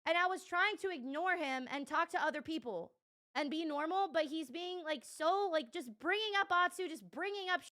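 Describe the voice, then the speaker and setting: A woman's voice: extremely high pitch, normal speed, bright, forceful tone. A young woman streamer giving rambling, exasperated commentary on clips, swearing a lot. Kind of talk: casual commentary reacting to clips.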